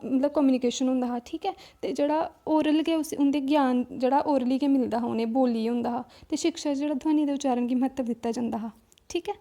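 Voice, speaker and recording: A woman's voice: high voice, dark tone. A woman with a Dogri accent giving an exam-prep lecture, explaining step by step with frequent checks and restarts. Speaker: teacher.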